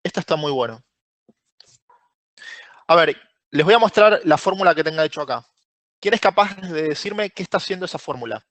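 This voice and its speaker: A man with a Rioplatense Spanish accent teaches a live online class, walking through each step and putting questions to his students. His voice sits a little high for a man. The sound is dry and close, with no room around it. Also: animated, a little fast, long pauses, fairly bright tone, dry recording. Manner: asks the class questions and praises answers by name. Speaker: Excel course instructor.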